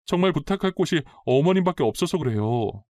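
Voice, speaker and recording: Pushy young woman, daughter-in-law, raised pitch, a man putting her on, dry close sound. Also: lively intonation, brisk, darkish tone, dry recording. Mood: pleading. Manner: insistent, whiny and defiant. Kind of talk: storytelling drama reading.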